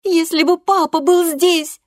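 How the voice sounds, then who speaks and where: A woman voicing a furious, defiant teenage girl who shouts bitter accusations. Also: medium pitch, little pitch movement, moderate pace, no echo, clean studio sound, voice pushed up, natural voice.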